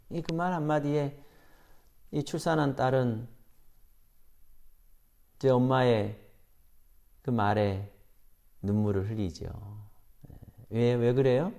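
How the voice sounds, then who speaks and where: Man preaching with lively pitch. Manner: dramatic pauses, acting out quoted questions. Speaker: pastor. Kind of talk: sermon. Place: church sanctuary.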